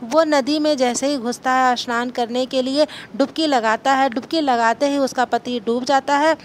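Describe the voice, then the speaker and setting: A woman's voice: sits high, fairly even intonation, normal speed, slight background noise. A woman narrating a devotional folk tale in an earnest, dramatic storytelling manner.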